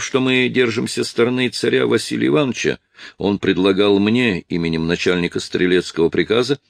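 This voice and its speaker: A man's voice: lowish voice, creaky, dry recording, studio quality, voice pushed up. A man voicing a loyal deputy officer who explains things earnestly.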